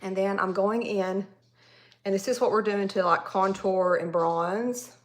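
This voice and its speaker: A Southern woman in her forties with a voice of middling pitch hosts a casual makeup livestream. She rambles in a friendly way and keeps talking straight to her viewers as she works. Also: steady tone, unhurried. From Tennessee, US. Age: 40s. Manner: chatty, rambling, addresses viewers directly. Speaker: makeup artist livestream host.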